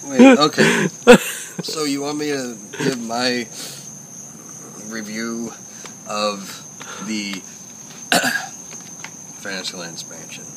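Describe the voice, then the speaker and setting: A man rambles through a silly, meandering story, laughing at himself and losing his thread. His voice sits at an ordinary middle pitch. The recording is noisy, with crickets and passing traffic behind him. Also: animated, slow pace, pauses often. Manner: goofy, rambling, laughs often, trails off. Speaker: host of a casual sit-down chat. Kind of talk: rambling comic casual chat.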